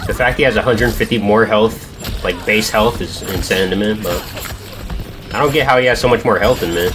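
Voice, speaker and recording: Speaking at a normal speed in a lowish voice, a young man offers casual, profane, sarcastic commentary on his own game matches, swearing often and using slang. He sits at a gaming setup in a dim room, with game music playing and a noisy background.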